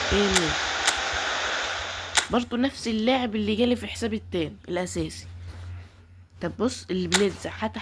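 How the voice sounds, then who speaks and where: A woman with an Egyptian accent giving live gameplay commentary, pleading and complaining about her luck as she opens each pack. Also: mid-range voice. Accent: Egyptian Arabic. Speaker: gaming YouTuber.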